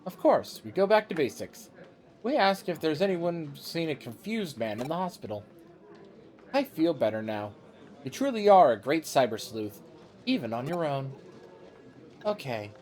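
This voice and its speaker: A man's voice: fairly high pitch, big pitch swings, moderate pace, a little mellow. A man streaming a video game live, reading the dialogue aloud and joking about it. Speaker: let's-play streamer.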